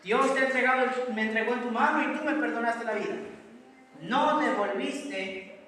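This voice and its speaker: A man's voice: very high-pitched, normal speed, pushed and bright. A man voicing a remorseful older king who confesses his wrong, in a preacher's retelling. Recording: echoey hall from far off.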